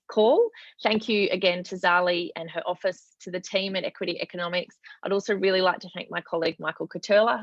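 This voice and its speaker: Low, gravelly woman on a muffled call line. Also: fairly bright tone, dry recording. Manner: earnest, rallying closing thanks with fillers. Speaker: host closing an online report launch. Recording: dull, lo-fi call audio, dry.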